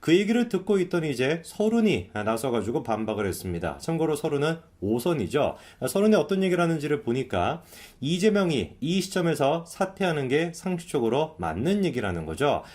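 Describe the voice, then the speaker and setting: A man's voice: fairly high pitch, sing-song, brisk, hardly any pauses, a little mellow. A man hosting a live political commentary stream, talking in a sarcastic, emphatic way and asking himself rhetorical questions.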